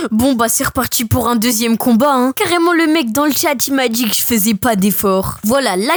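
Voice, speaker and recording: Excitable female gamer, high-pitched and chatty, dry sound. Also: no room sound. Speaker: gaming video creator. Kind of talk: game commentary.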